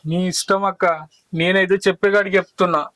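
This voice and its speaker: A man's voice: high voice, little pitch movement, fast talker, crowd noise, lightly acted. An actor playing a village brother who urgently persuades his family, speaking in a Telangana Telugu accent. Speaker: younger brother and go-between. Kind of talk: village drama acting.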